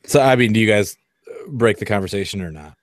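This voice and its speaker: A man narrates a tabletop role-playing game as its game master. His voice sits low and sounds dry. He talks loosely, slightly tipsy, and trips over his restarts. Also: animated, a little fast, no echo. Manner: laughing, loose, stumbling restarts. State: tipsy from wine.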